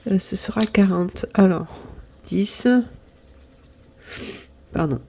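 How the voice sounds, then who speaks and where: A woman's voice: medium pitch, steady tone, takes it slowly, vocal fry, darkish tone, slight background noise. A woman in her fifties chatting casually at home as she sorts and counts her savings, apologizing often and exclaiming when pleased. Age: 50s. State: sniffling from pollen. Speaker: budgeting vlogger. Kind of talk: casual chat.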